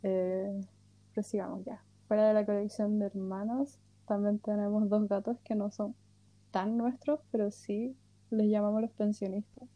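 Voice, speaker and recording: A woman's voice: mid-range voice, little pitch movement, moderate pace, dry recording, muffled recording. Chilean woman in her twenties, casual podcast co-host, joking and laughing, dry close sound. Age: 20s. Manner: joking, self-mocking, laughs often.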